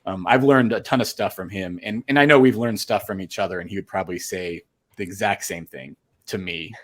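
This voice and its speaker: A man's voice: low voice, fairly quick. A man talking casually as an interview guest, rambling earnestly with many fillers and restarts. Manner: earnest, emotional storytelling. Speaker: storm chaser guest.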